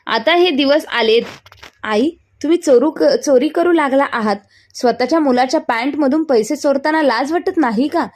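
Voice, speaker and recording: A woman voicing an angry, scornful young daughter-in-law in a spoken family story, with a sharp, accusing way of talking. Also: normal speed, close to an everyday voice. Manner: shrill accusing.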